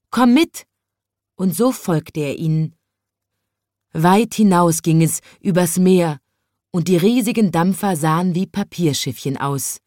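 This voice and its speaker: A woman reading a children's story aloud in a gentle, measured telling. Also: lowish voice, no room sound, clean studio sound.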